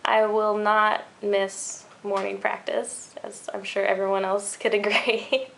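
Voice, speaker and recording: Young woman with a gravelly voice. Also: medium pitch, flat delivery, takes it slowly, a bit bright, slight background noise. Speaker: college cross-country runner. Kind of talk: casual interview answers.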